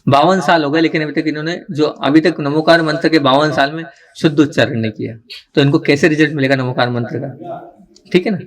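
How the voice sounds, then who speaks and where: A man's voice: on the high side, steady tone, fast. A man teaching a gathered group, explaining step by step and often checking that his listeners follow. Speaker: teacher of religious recitation. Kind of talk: live teaching talk to a group.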